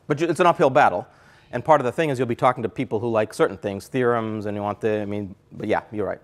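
A middle-aged man delivers a keynote in a lecture hall, speaking conversationally and thinking aloud with frequent fillers. His pitch sits in an ordinary middle range, picked up on a clip-on mic. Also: brisk. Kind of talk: academic lecture.

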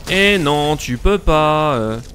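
A man streaming a live game, joking crudely and bursting into excited outbursts as he plays. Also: a little high, takes it slowly, a little hiss or hum. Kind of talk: live gaming commentary.

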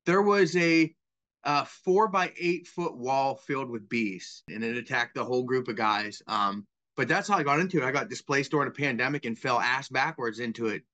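A man in his thirties who does property cleanouts tells his story candidly and self-deprecatingly as a guest on a video call interview, from a small indoor room with a bookshelf. His voice is medium-pitched and moderately paced, sounding pushed and bright with the highs cut off.

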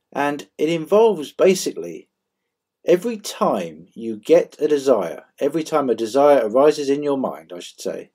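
A man giving an earnest, measured spiritual teaching, repeating key phrases for emphasis. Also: medium pitch, dark tone, breathy edge. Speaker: channel presenter.

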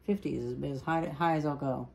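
A home camera recording, clear background noise audible, captures a young woman vlogging about old light bulbs in her living room. Her low voice is a little mellow and moves at a moderate pace as she chats off the cuff and muses while demonstrating.

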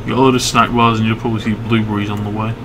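A man's voice: lowish voice, little pitch movement, rapid-fire, noisy background. A young man chatting casually indoors as he comments on a video game. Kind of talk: casual gameplay chat. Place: indoor room, webcam set-up.

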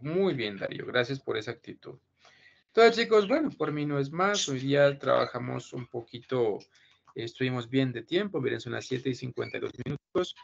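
A man's voice: mid-range voice, expressive, normal speed, creaky, slightly rough. A man, teaching an online class, reassuring his students and often checking that they follow. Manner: reassuring, repeats himself, keeps checking with "¿listo?". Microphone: video call. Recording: muffled video call audio with faint noise.

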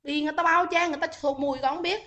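High, bright woman, taunting livestream rant. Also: fairly even intonation, very fast, muffled recording. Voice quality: scolding, taunting, repeats questions. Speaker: livestream host. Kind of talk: heated livestream arguing with commenters.

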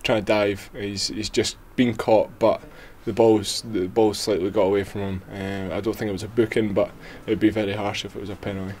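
Hesitant young footballer, low voice. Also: male voice, level tone, a little fast, few pauses, darkish tone, slight background noise. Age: 20s. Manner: hesitant, many ums and restarts. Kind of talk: post-match interview. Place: small indoor press area before sponsor board.

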